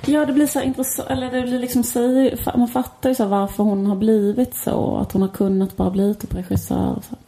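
Mellow-voiced woman, casual chat. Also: on the high side, hardly any pauses. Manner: animated storytelling, acting out quotes. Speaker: podcast co-host.

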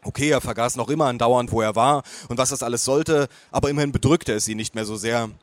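A man reading a first-person audiobook in a calm, measured way with a wry edge. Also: mid-range voice, dry recording. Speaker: audiobook reader.

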